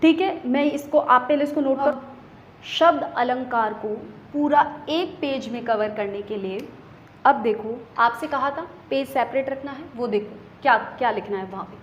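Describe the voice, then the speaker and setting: A woman with a high voice teaches an exam-prep grammar lesson, asking questions and answering them herself. The recording is roomy and sounds slightly dull. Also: measured pace, a little hiss or hum. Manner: explanatory, asks rhetorical questions and answers them; repeats "okay" to pace points.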